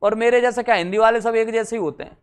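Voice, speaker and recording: A man's voice: extremely high pitch, fast, clean tone. A young adult man teaching a grammar lesson for exam prep, chatty and teasing, often quizzing his students.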